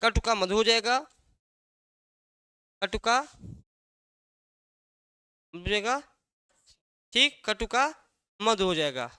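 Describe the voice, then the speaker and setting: This teacher's mid-range voice is expressive and sharp but smooth, moving slowly with long pauses. Recorded at studio quality without echo, the exam-prep language lesson has them ask a question, supply the answer, and keep repeating key words.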